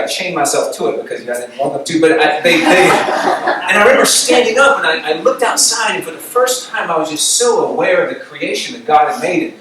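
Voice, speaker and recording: A man in his thirties, a pastor, telling his conversion story to a student group in animated, laughing sermon storytelling. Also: a little high, recorded from a distance. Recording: echoey room recorded from afar, noisy.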